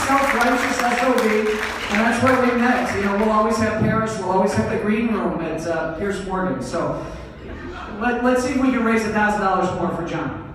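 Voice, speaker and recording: Man, emphatic fundraising speech, fairly high voice, long reverb, distant mic, audible hiss. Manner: emphatic, joking, rousing. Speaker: guest speaker rallying donors. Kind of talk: impromptu fundraising appeal. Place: large hotel ballroom. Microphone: handheld mic, filmed from far back. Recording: echoey ballroom from far off.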